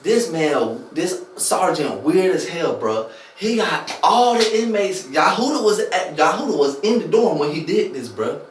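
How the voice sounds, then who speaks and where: A young man tells a story in lively street slang and acts out every voice in it. His voice sits fairly high. The sound is roomy and distant, with a faint hiss underneath. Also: measured pace. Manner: animated slang-heavy storytelling, acts out quotes. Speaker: former inmate telling a story. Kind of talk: casual storytelling chat. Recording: echoey room, mic at a distance, faint hiss.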